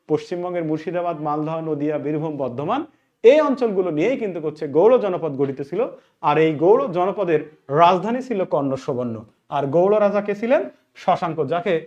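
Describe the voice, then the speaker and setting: A male teacher with a high voice leads a live online revision class. He repeats key points over and over and keeps asking his students whether they understand. The recording sounds dull and lo-fi. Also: darkish tone. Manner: repetitive, drills key facts with check-in questions; reads out viewer names and thanks them.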